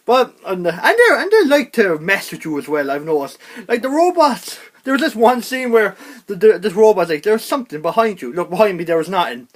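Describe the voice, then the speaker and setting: A young man giving a casual spoken video game review, rambling and animated, with frequent restarts. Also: sits high, a little fast.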